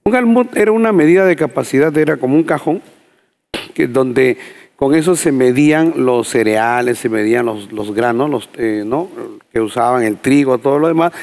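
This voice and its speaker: A pastor explains scripture at an ordinary mid pitch. He speaks in a measured, teaching manner, with frequent fillers and small restarts as he reaches for the right word. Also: lively intonation, a little mellow. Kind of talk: preaching in a panel discussion.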